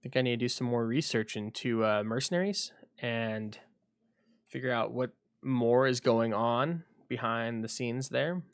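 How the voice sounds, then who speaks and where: A man chatting casually on a solo livestream, rambling and thinking aloud with frequent pauses, at home at his computer. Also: mid-range voice, no room sound, studio quality.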